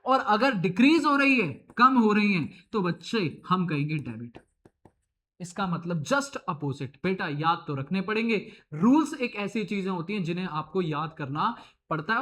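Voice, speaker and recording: Male Indian tutor, high-pitched, playful and chatty, online lecture. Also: fairly bright tone. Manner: chatty, teasing, calls students beta and babu. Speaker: accounting teacher.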